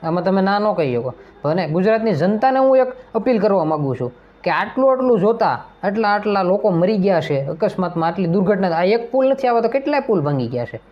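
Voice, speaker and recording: Fiery man giving a political rant. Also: high-pitched. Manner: fiery, rhetorical, accusing, repeated questions. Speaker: political commentator. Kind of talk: impassioned political speech. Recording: dull lo-fi audio.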